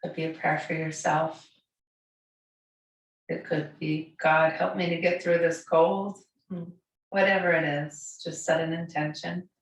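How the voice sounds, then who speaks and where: Gentle, slow and softly encouraging, a hoarse woman in her forties teaches yoga in a bright home studio with large windows, her cold-roughened voice sitting low with barely any pitch change. The camera is placed across the room, leaving her voice distant and the space echoey.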